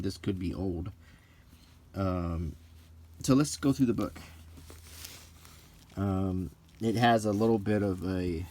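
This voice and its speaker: This hobby-video host, a man in his 40s or 50s, has a mellow voice on the low side. He ponders as he reviews something, speaking in a loose, hesitant, unscripted manner reminiscent of ASMR.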